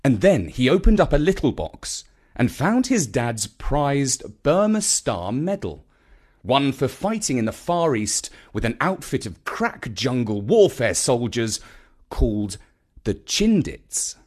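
A scripted children's story is narrated by a man with a British accent and a medium-pitched voice. He takes a measured, expressive storytelling approach.

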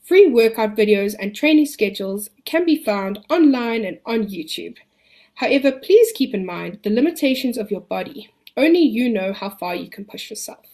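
A woman reading a scripted informational podcast on wellbeing in a measured, instructional way, as a presenter guiding listeners. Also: on the high side, expressive, darkish tone. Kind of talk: scripted informational narration with guided relaxation.

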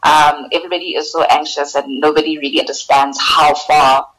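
A woman's voice: low-pitched, fairly even intonation, a little fast, a bit bright. A woman answering interview questions conversationally as a podcast guest. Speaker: guest, social media manager. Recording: dull lo-fi remote call audio.

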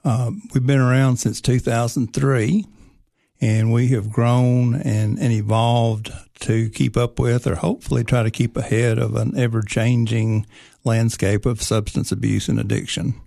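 A man from Tennessee, a guest on a podcast, explaining things in a measured way. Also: medium pitch, flat delivery, creaky, dark tone, dry recording, studio quality. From Tennessee, United States. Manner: measured, explanatory, with frequent fillers and restarts. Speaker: guest, prevention coalition leader. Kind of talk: conversational interview.

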